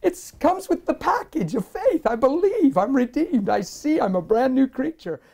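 A man in his forties giving an emphatic, animated personal testimony while seated in an interview, often breaking into laughter between points. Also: extremely high pitch, normal speed, creaky. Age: 40s. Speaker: interview guest, minister. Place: indoor lounge-style set, seated in armchair.

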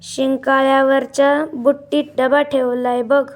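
A woman's voice: sits high, flat delivery, measured pace. A woman reading the part of a puzzled, questioning mother in a storybook lesson. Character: puzzled mother of two girls.

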